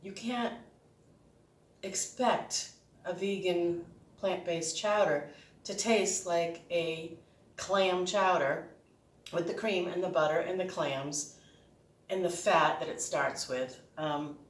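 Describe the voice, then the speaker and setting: A woman's voice: fairly low pitch, fairly even intonation, slow pace, pauses often. A woman with a Boston accent chats informally and ramblingly as she hosts a casual home cooking vlog. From Boston, United States. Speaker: home cook and video host. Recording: echoey room, distant microphone.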